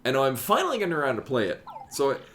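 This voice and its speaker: A man's voice: medium pitch, huge pitch swings, fast talker, a bit bright, a little hiss or hum. A man in his thirties chatting casually as he streams a game. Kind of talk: casual chat while playing. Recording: faint game music behind. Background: game music.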